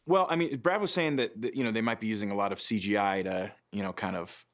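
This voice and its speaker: A man on his first film, talking excitedly and ramblingly about landing the role. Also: on the low side, quick pace. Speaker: actor. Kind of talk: casual interview chat.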